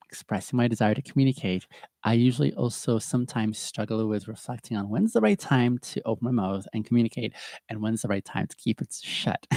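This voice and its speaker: Low, gravelly-voiced man chatting warmly. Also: no room sound, studio quality. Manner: chatty and earnest, laughs often at himself. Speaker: podcast host. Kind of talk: casual reflective monologue. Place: at home.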